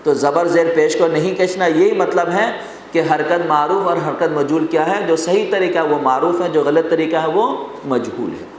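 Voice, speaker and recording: A man teaching a Quran recitation class, explaining rules step by step, quizzing his students and repeating lists. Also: a little high. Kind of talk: classroom lesson. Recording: very echoey hall with faint noise.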